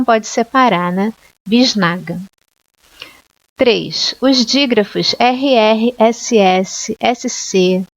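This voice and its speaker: A woman's voice: a little high, no echo, highs cut off. A woman teaching a Portuguese grammar lesson, spelling out letters and repeating each example word with little check-in questions. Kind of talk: slow, deliberate grammar lesson.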